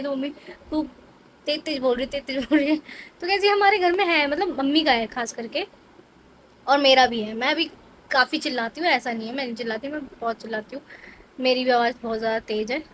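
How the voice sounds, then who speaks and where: Vlogger, young woman, high voice, rambling defensive chat, faint home noise. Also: fairly bright tone, low-quality recording. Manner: chatty, rambling, defensive explaining. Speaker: family vlogger. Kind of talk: casual vlog talk to camera.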